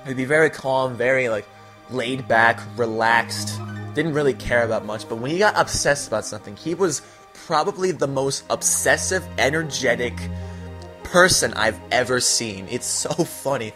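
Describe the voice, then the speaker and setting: A man's voice: mid-range voice, normal speed. A young man chatting casually while playing a video game, rambling through a story with frequent laughs. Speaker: gamer. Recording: faint game music behind.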